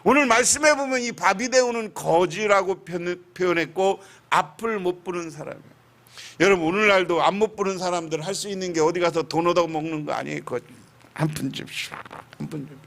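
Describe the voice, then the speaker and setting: High-voiced pastor preaching. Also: male voice, brisk. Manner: animated storytelling with rhetorical questions to the congregation. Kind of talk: sermon.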